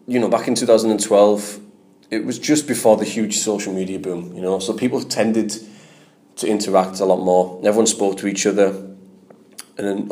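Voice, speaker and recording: A man's voice: on the low side, darkish tone. A man in his thirties telling a rambling, reflective travel story with plenty of fillers. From England. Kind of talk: casual spoken travel story.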